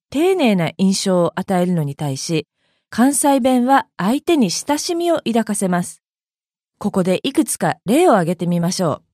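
A woman from Hyogo hosting her own audio blog, giving a scripted explanatory talk in a clear, careful way. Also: on the high side, a little mellow, dry recording, studio quality. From Hyogo, Japan.

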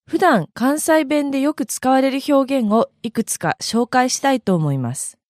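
Woman from Kansai, audio blog host, higher voice, very lively pitch, measured explanatory reading. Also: no room sound, clean studio sound. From Kansai, Japan. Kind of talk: scripted narration.

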